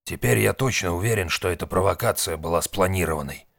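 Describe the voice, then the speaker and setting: Weary old fixer, grim and curt, low voice, male narrator. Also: fast talker, vocal fry, fairly bright tone, no echo, clean studio sound, full character voice. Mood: angry.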